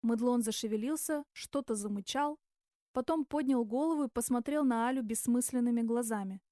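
A woman reading a novel aloud in steady, even narration. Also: a little high, a little fast, no room sound, studio quality. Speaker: audiobook narrator. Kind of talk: scripted narration.

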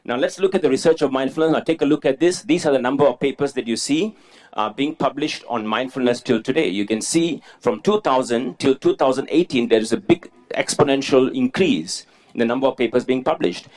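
This Singaporean mindfulness teacher in his forties has a medium-pitched, slightly mellow voice and talks fairly quickly. Addressing a conference room audience, he explains earnestly and modestly, leaning often on filler words.

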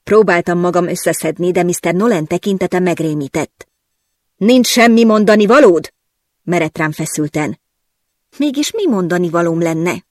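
An audiobook narrator reading a first-person novel in a lively, wry storytelling manner. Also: mid-range voice, dry recording, clean studio sound.

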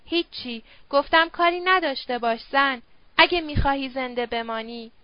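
A woman's voice: high-pitched, no room sound, lo-fi sound, natural voice. A woman voicing a stern, guarded young man who speaks in curt, firm refusals. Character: stern young male Zoroastrian, guarded and protective.

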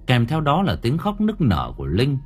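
A male narrator reading a horror story in an expressive, dramatic way. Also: medium pitch, normal speed, husky. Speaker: audiobook narrator. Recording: faint music underneath.

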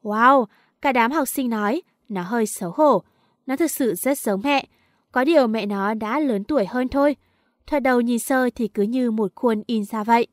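Female audiobook narrator, somewhat high voice, dry booth sound, reads a teen story and does every character lightly. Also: moderate pace, no echo. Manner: reads dialogue of many characters in one lightly shifted voice.

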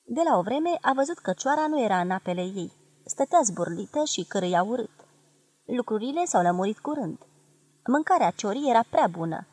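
A woman from Romania giving a measured, expressive literary reading of a memoir. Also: fairly high pitch, husky, dry recording. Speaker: reader of a memoir.

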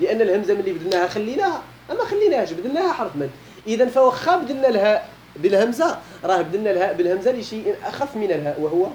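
Speaking with a Moroccan accent in a high, slightly mellow voice, a man teaches a classical Arabic grammar lesson, asking his students questions, repeating key points, and dropping in colloquial asides. There's slight background noise.

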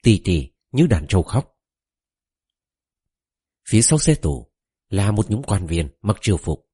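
A man narrates a novel in the first person with a deep, dark voice. His pitch swings widely as he tells the story, and he voices each quoted character in turn. The sound is dry and close, with no room around it. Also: big pitch swings, unhurried, slightly rough, no room sound. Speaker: audiobook narrator.

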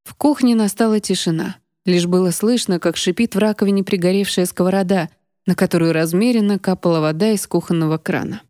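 A woman narrating a fantasy novel as an audiobook reader, in measured storytelling. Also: lowish voice, warm tone, dry recording, studio quality. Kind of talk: scripted narration.

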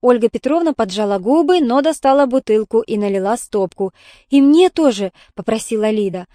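A woman's voice: on the high side, brisk, dark tone, no echo, studio quality. Woman narrating an audiobook.

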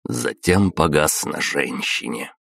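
A male audiobook narrator reading a fantasy novel with steady, dramatic storytelling. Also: very deep voice, slow pace, gravelly, dry recording, clean studio sound.

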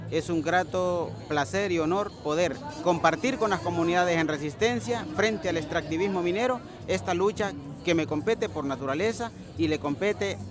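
A man from Honduras, an environmental activist, giving a deliberate, speech-like interview outdoors. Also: fairly high pitch. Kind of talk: field interview answer. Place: outdoors at a gathering. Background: music playing nearby.

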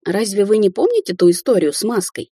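A woman's voice: mid-range voice, a little fast, slightly rough, no room sound, clean studio sound. Woman reading a nervous young man. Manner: anxious, flattering. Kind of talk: audiobook character reading.

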